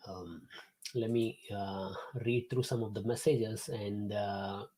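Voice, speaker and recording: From his home office, a man hosts and teaches a live-streamed class, chatting to viewers with lots of fillers and restarts. His fairly low, dark voice stays steady and slow.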